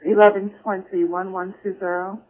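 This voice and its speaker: A woman police dispatcher giving brisk, clipped code calls, heard over a police radio transmission. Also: medium pitch, little pitch movement. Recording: tinny radio band.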